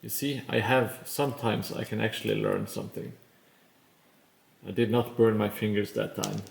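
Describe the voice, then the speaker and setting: With a Norwegian accent and a lowish, gravelly, steady voice, this man from Norway builds something while chatting on a live stream. His talk meanders with frequent pauses and plenty of self-mockery.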